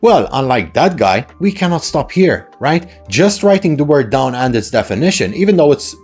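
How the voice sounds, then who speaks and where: A man's voice: fairly high pitch, sing-song, normal speed, a little mellow, breathy edge, faint music behind. A man teaching an English lesson in a conversational, instructional way, often posing questions and checking in with short tags. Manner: rhetorical questions with frequent "right?" tags.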